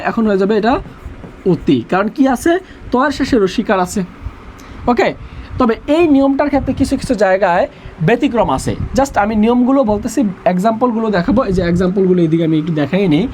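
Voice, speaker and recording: A man's voice: high-pitched, lively intonation, fast talker, a little mellow, slight background noise. A young man teaching an online revision class, repeating rules and quizzing his students.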